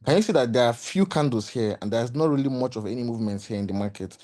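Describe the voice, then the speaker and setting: A man with a mid-pitched, slightly hoarse voice teaches a trading lesson over his chart. He explains patiently, circles back to the same points and throws in rhetorical questions. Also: expressive, fast talker, mellow. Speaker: trading mentor. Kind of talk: screen-share trading lesson.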